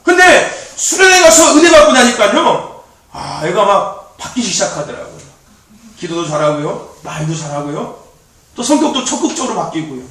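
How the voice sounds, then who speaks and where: High-voiced man preaching in an echoey hall. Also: moderate pace. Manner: animated, repetitive, laughing often. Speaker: youth pastor. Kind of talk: sermon. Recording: very echoey, distant mic.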